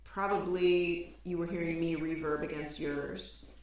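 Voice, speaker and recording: Female co-host, casual and chatty, lower voice. Heavy trash-can reverb on her live stream audio. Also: fairly even intonation, unhurried, darkish tone, distant mic. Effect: boomy reverb, like talking into a trash can. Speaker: livestream co-host. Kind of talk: casual chat. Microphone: far-off computer mic on a live stream. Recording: echoey boxed-in sound with faint hiss.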